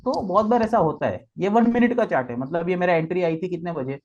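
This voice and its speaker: A man's voice: sits high, fast, darkish tone, highs cut off. A man walking through trading charts step by step, mixing Hindi and English and checking in with frequent "okay"s. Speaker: trading guest expert. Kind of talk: explanatory chart walkthrough.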